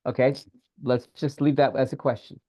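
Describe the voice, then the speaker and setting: A man co-hosting a casual podcast, talking in an animated, repetitive way and coaching a listener through a guided breathing exercise over a video call. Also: mid-range voice, normal speed, dry recording. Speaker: podcast co-host, spiritual teacher.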